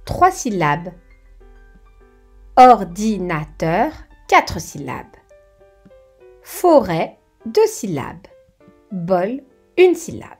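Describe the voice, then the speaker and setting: A woman giving a children's grammar lesson, speaking slowly and clearly, breaking words into syllables and asking the viewer questions. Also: on the high side. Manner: slow and clearly articulated, syllable by syllable; addresses the viewer warmly with questions. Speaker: teacher. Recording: soft background music.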